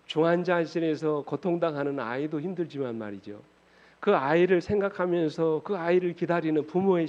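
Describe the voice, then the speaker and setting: A man preaching in a church, his voice sitting a little higher than most men's. He keeps turning to the congregation with rhetorical questions and moves between quiet, hushed passages and louder emphatic ones. The recording sounds dull and lo-fi, with the top end muffled. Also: gravelly. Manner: dramatic swings between hushed and raised delivery. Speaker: pastor. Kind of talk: sermon. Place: church sanctuary.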